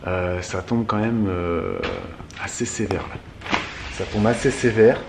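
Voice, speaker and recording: A man hosting a casual family vlog, talking in a halting way as he thinks aloud. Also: on the low side, background noise. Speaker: vlog host.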